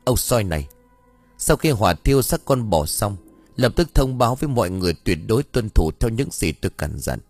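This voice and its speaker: A grave village master lays out his reasoning in a measured, solemn way, as a male narrator reads him. The voice stays mid-pitched and moves lively through each point, as in an audio storybook. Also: soft background music. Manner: measured, analytical, solemn instructions.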